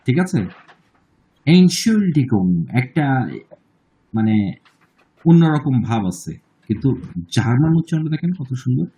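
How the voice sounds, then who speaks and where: A man with a Bangladeshi accent teaching an online German class, drawing out words slowly and checking in with students often. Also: medium pitch, mellow, low-quality recording. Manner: slow, drawn-out model pronunciations, checks in often.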